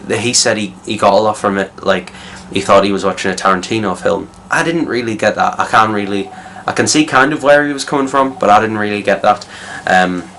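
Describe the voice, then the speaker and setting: Deep-voiced young man, rambling. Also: fairly bright tone, a little hiss or hum. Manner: rambling, many fillers and restarts. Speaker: film reviewer. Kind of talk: casual spoken movie review.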